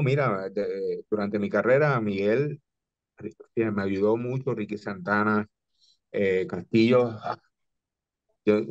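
Man, mid pitch, halting repeats, dull lo-fi dry recording. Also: no echo. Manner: halting, repeats words when starting. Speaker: professional wrestler. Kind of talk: casual chat, recalling. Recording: dull lo-fi sound.

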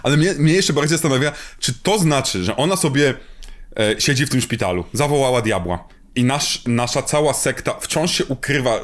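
A man in casual film talk, sarcastic and laughing often as he picks apart a plot. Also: medium pitch.

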